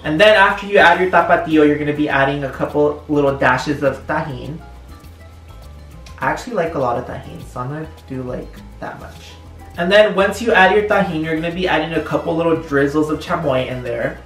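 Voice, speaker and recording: In an echoey kitchen, a young man jokes and chats casually through a home cooking vlog, his fairly high, slightly bright voice moving a little fast. The mic is distant, and faint music plays in the background.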